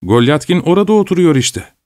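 Man voicing a drunk male servant, stubborn, higher-pitched, insolent, repetitive, dry sound. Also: very animated, fairly quick, darkish tone, no echo. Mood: obtuse.

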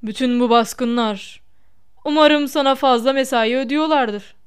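A woman's voice: high-pitched, a little slow, clear, resonant tone. Lucius Malfoy, as a woman reads him, sneering. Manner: sneering, mocking. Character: sneering haughty wizard man, cold aristocrat.

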